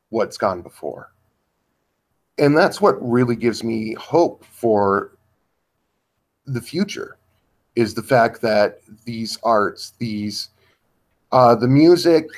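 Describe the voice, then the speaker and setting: A man talking slowly in a livestream discussion, pausing often and searching for his words as he builds his argument. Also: mid-range voice, darkish tone.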